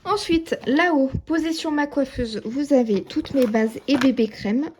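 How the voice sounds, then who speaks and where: Unhurried and high-voiced, this beauty vlogger shows her things in a chatty home show-and-tell at her dressing table, with plenty of fillers and "voilà". Background noise is present in the close camera or phone recording.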